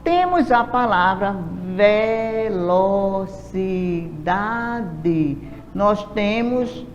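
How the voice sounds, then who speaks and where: Brazilian woman teacher, slow and patient, dull lo-fi track in a reverberant room. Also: medium pitch, animated, slight background noise. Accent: Brazilian Portuguese. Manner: slow, patient, asks rhetorical questions. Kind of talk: recorded classroom lesson.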